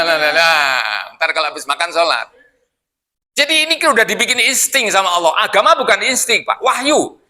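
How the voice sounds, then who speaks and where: A middle-aged man preaches a sermon in a mosque, his voice high-pitched, bright and forceful. He plays with his listeners, teasing them with questions.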